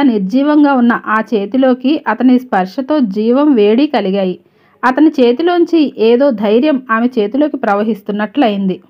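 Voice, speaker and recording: A woman storyteller reading a scripted story in a steady, even manner. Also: on the high side. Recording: slightly dull lo-fi recording.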